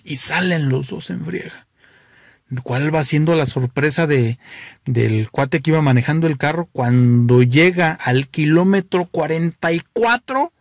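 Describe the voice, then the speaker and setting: A Mexican man tells jokes with animated, playful energy and punches them up with sudden exclamations. His voice sits fairly high for a man. The recording is close and dry, with no room echo. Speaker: joke teller. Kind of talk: oral joke telling.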